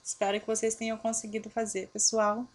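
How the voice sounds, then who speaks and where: A woman teacher, giving a recorded lesson to her pupils, patiently asking and answering her own questions and spelling out letters slowly. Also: fairly high pitch, completely flat delivery. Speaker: primary school teacher. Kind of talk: recorded remote grammar lesson.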